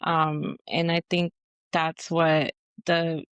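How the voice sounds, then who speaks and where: A woman's voice: low voice, flat delivery, very slow, a bit bright, smooth, dry recording. A woman from Texas, a Marine veteran guest, answering interview questions earnestly with frequent restarts and fillers. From Texas, USA.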